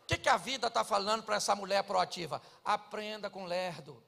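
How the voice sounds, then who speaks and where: Joking Brazilian pastor with a high gravelly voice. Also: male voice, a little fast, sharp tone, long reverb tail. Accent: Brazilian Portuguese. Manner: joking, acts out quoted people in dialogue. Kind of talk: humorous sermon.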